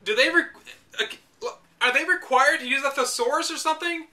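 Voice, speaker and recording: His voice is very high-pitched, bright and forceful, moving at a normal speed. He's reading a game guide out loud and breaking in with wry, exasperated remarks, part reader and part sarcastic commentator.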